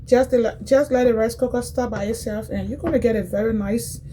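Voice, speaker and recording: A woman's voice: a little high, fairly even intonation, brisk, dark tone, slight background noise, poor audio. A woman from Liberia, casually demonstrating cooking in a home kitchen and chatting directly to her viewers, often repeating herself. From Liberia, West Africa. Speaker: cooking vlogger.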